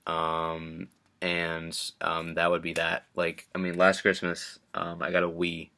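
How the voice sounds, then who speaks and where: A teenage man chatting in a casual vlog with a deep, low voice that stays fairly flat. His tone is bright and forceful. He rambles, stumbling through restarts and fillers. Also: slow, clean tone. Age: teens. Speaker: vlogger and hip-hop artist.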